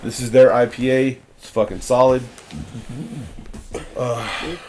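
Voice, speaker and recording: A man's voice: mid-range voice, little pitch movement, slow, a little mellow, a little hiss or hum. A young man hosting a podcast, chatting casually over beers, blunt, profane and rambling. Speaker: podcast host.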